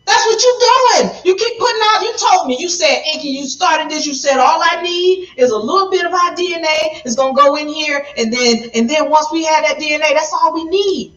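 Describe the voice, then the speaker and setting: A woman's voice: very high voice, expressive, normal speed, bright, forceful tone, echoey room, far from the mic, muffled recording, pitched above the performer's own voice, exaggerated voice. A woman doing an outraged scolding male god. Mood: furious. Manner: accusing, repeating questions with rising outrage. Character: angry scolding male god confronting his brother. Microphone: phone.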